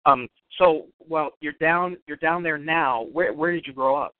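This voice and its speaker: A man's voice: fairly high pitch, a little slow, dry recording. Male radio host, general American newscaster accent, chatty and rambling, over a dry phone-line feed. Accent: general American newscaster, learned. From Chicago South Side. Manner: chatty, rambling, many restarts. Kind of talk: casual interview.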